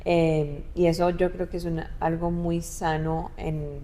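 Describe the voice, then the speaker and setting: A young adult woman talking casually with her mother, often pausing and restarting as she searches for words. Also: fairly low pitch, flat delivery, warm tone, slight background noise. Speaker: guest, adult daughter. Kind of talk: casual podcast conversation.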